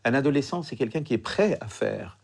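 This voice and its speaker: A man with a husky, creaky voice explaining as an expert in an interview, searching for words and restating. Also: mid-range voice, animated, fairly quick, a little mellow.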